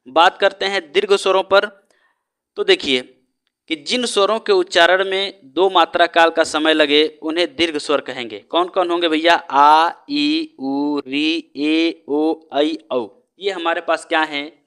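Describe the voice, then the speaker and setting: Bright, clear-voiced male teacher. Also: high voice. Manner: asks rhetorical questions and answers them himself; keeps adding a checking "है ना?". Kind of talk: exam-prep lesson.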